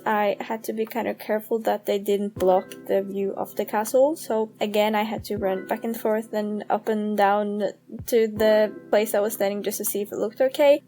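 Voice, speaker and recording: A woman's voice: medium pitch, mellow. A woman in her twenties chatting casually over a game build, giggling often and poking fun at herself. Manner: giggly, chatty and self-deprecating, laughs often. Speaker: gaming YouTuber. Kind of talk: casual voice-over chat during a speed build.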